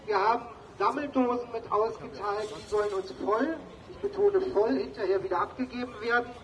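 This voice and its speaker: High, bright man on a megaphone. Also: animated, brisk, low-quality recording. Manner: dry, joking asides. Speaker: demonstration organizer. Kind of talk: outdoor rally announcement. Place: outdoors at a street rally.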